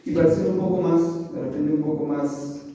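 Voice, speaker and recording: A man's voice: on the high side, steady tone, moderate pace, dark tone. A man preaching a sermon, earnestly calling his listeners brothers and often correcting himself. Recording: echoey hall, distant mic, dull.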